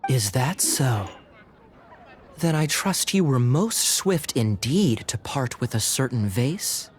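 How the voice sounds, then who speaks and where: A man's voice: medium pitch, sing-song, takes it slowly, a little hiss or hum. An actor playing a sly young nobleman knight who needles his brother with sarcasm. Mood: teasing. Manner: mocking, sarcastic. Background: game music.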